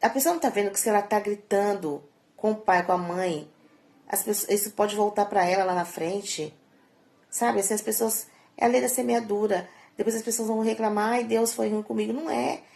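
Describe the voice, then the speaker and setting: A woman's voice: medium pitch, brisk, gravelly, a little mellow. A middle-aged woman, talking to her viewers in a chatty, preachy vlog monologue that turns emphatic and scolding. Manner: chatty and preachy, often tagging sentences with a questioning aside. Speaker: vlogger. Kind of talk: casual vlog monologue giving life advice.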